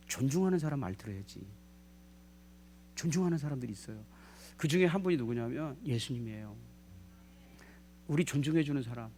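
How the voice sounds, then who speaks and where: A male pastor preaching a sermon in a lively way, putting questions to the congregation and acting out what people say. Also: medium pitch, slight background noise. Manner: lively, asks the congregation questions, acts out quoted speech.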